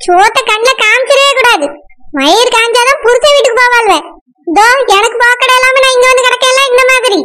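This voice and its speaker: A woman voicing a scheming, sharp-tongued middle-aged village mother in a cartoon, with a Tirunelveli Tamil accent and a scolding manner. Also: extremely high pitch, fairly quick, a little hiss or hum. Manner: scolding, nagging. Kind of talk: cartoon voice acting.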